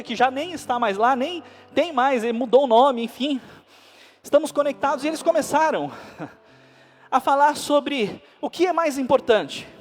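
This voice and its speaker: Brief: male pastor, very high voice, animated sermon delivery, faint music under him. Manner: animated preaching with rising emphasis. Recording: long hall reverb with faint music.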